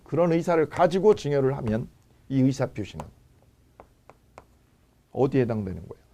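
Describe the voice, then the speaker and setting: A male law lecturer with a slightly high, mellow voice that rises and falls widely. He keeps quizzing his students with rhetorical questions. He repeats each key phrase as he drives the point home. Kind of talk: exam-prep lecture.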